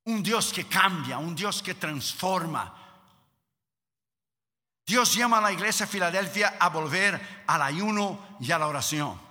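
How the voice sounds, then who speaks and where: A male preacher with a high, piercingly bright voice drives his sermon home through emphatic repetition. His words ring out with a long reverb, as in a large church hall.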